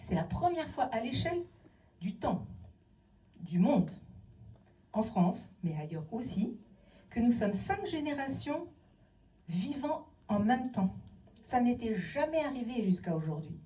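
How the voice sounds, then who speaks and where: In a town hall meeting room, a middle-aged woman gives an emphatic talk on inclusive city design, posing rhetorical questions and acting out quoted voices. Her voice sits on the high side, sing-song and warm, unhurried with long pauses. The mic is distant and the recording rough.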